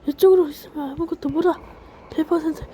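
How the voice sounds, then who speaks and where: A gaming YouTuber plays on camera, yelling and swearing while voicing lines for the characters in her match, switching between playful role-play and shouting. Her voice is high, steady and fast as she delivers excited commentary.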